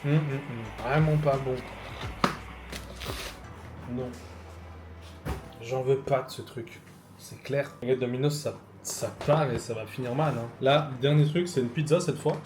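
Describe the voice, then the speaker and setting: A young man, animated, tasting fast food in a casual vlog and swearing loudly at bad food. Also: medium pitch, over music, poor audio. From Switzerland. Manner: animated, loud bursts of disgust, swearing. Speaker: food vlogger.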